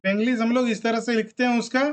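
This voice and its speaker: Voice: medium pitch, flat delivery, fast talker. Patient teacher drilling letter sounds. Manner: drills sounds one by one with frequent check-ins. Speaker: language teacher. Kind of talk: classroom lesson.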